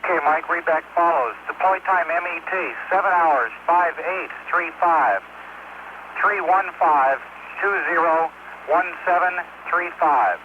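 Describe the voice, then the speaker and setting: A man aboard an orbiting spacecraft speaks in a relaxed, halting way, stopping on fillers between clipped radio phrases. His voice fades in through heavy static, thin and tinny as if squeezed through a narrow radio channel. He sits a little higher than most men. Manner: relaxed, hesitant with frequent fillers. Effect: voice fading in through static over a space radio link. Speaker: astronaut aboard the orbiting shuttle. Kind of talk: air-to-ground radio exchange and number readback.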